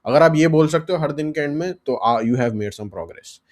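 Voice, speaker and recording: A man's voice: fairly high pitch, unhurried, a little mellow. Blunt young vlogger man. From Pakistan. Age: young adult. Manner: blunt and swearing, with constant "right?" tag checks. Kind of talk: casual advice vlog mixing Urdu and English.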